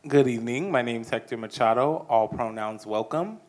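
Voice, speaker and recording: A man introducing himself on a conference panel in a measured, descriptive way. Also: mid-range voice, darkish tone. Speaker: panelist, performance artist.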